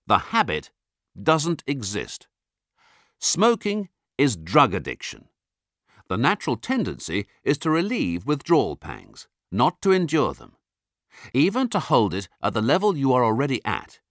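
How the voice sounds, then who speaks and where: A man's voice: medium pitch, a bit bright, dry recording, clean studio sound. Emphatic man narrating an audiobook. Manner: emphatic, deliberate, persuasive.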